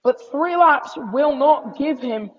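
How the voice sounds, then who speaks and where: A high-voiced woman calls a race live as a motorsport commentator, her delivery lifting with the action. She takes it slowly, and the recording is dull and slightly lo-fi with no room sound.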